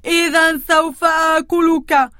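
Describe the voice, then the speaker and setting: Storybook troll, ugly and menacing, booming slow threats, voiced by a woman. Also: little pitch movement, pushed and bright, dry recording, clean studio sound, exaggerated voice.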